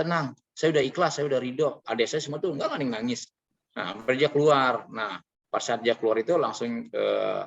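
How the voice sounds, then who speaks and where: Gravelly man giving a halting personal testimony. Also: on the low side, highs cut off. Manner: earnest, confessional, halting with frequent fillers. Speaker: training participant sharing his experience.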